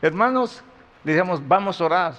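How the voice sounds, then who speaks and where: A male pastor preaching a sermon, moving between loud emphasis and quiet intensity. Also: high voice, expressive, fairly quick, in a large hall.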